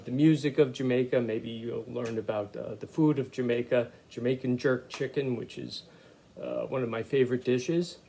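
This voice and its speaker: A man talks through a video art lesson for children in a relaxed, chatty way, filling pauses with "uh." His voice has a gravelly, creaky edge. A faint hiss of noise sits under the recording. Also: medium pitch. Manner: chatty, unhurried, many "uh" fillers. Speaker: art teacher.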